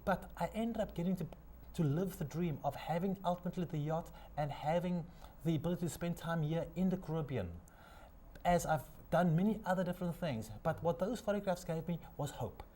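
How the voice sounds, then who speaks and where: A man from South Africa with a South African accent, a studio guest telling his life story in a measured, inspirational way. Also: fairly high pitch, warm tone, slight background noise. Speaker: guest, sailor and keynote speaker. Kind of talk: interview storytelling.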